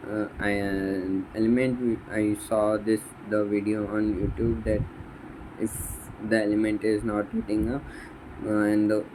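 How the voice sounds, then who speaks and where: A man vlogging about his electronics project, thinking aloud in a halting way and often restarting sentences, sounding sleepy. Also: on the low side, darkish tone, a little hiss or hum, rough recording. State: sleepy, yawning. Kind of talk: thinking aloud while tinkering.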